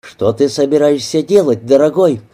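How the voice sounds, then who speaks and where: Brief: male narrator playing an anxious woman partner for an audiobook, slightly raised and slowed delivery, dark mellow timbre. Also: on the high side, lively intonation. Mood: coaxing. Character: worried, sharp-tongued woman with accent.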